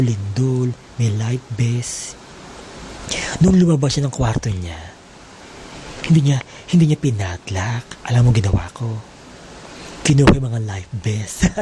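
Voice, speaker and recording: A man's voice: mid-range voice, dark tone, slight background noise, low-quality recording. A man telling a teasing, exaggerated gossip story in a casual, mocking way.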